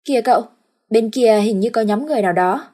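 A woman's voice: on the high side, fast talker, warm tone, lightly acted. A woman voicing a nosy young male servant who questions his master familiarly. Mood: curious. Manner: inquisitive, familiar.

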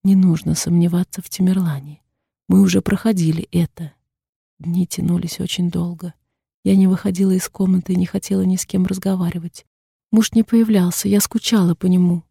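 A woman's voice: fairly low pitch, flat delivery, fairly quick, vocal fry, mellow, slightly rough, dry recording, studio quality. A woman reading a first-person novel aloud as an audiobook narrator, in a subdued, introspective way. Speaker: audiobook reader.

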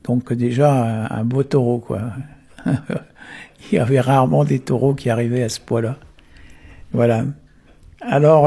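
A man, unhurried and full of tag words, explaining the origins of words. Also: medium pitch, dark tone, husky. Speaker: Breton language explainer. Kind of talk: explanatory talk on word origins.

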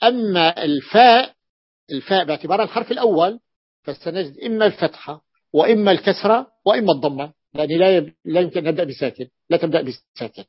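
A man's voice: high voice, lively intonation, quick pace, slightly rough. A man teaching Arabic grammar in a classroom lecture, repeating each point patiently and checking that students follow. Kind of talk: classroom lecture explaining a text. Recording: dull lo-fi recording.

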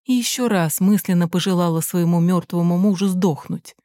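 A woman narrating a story in the first person in a measured, unhurried reading. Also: lowish voice, dark tone, dry recording, clean studio sound. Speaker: audiobook narrator.

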